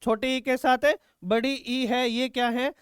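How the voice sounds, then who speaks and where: A man's voice: extremely high pitch, little pitch movement, measured pace, clean tone, no echo, clean studio sound. A male teacher taking students through exam quiz questions, asking questions and answering them himself and calling students "beta". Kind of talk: exam-prep quiz lesson.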